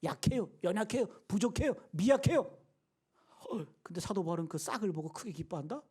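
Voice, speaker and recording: Woman preacher of middle pitch, lively sermon delivery that drops to whispers and calls on the congregation. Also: normal speed, breathy edge. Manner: emphatic, swings between raised voice and hushed whispers; asks the congregation questions and leads them in reading aloud. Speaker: pastor.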